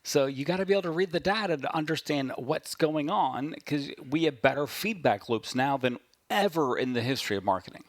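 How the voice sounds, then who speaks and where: A man talking shop as a podcast guest, wry and quick, often checking in with "right?". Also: a little high, lively intonation, no room sound, studio quality. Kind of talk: casual conversation.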